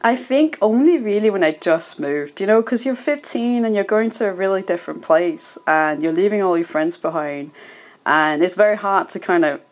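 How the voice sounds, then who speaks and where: A woman's voice: mid-range voice, expressive, normal speed. A woman in her thirties from Denmark, with a Danish accent tinged with Dublin Irish, chatting as an interview guest, rambling and laughing often. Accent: Danish with some Dublin Irish. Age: 30s. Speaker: guest, illustrator. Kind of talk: casual interview chat.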